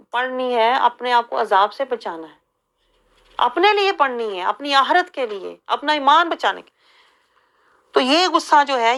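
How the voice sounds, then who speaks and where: A woman's voice: on the high side, a bit bright. A woman giving an earnest religious lesson, with a Pakistani Urdu accent, acting out the people she quotes. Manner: earnest, acts out quoted complaints. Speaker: religious teacher.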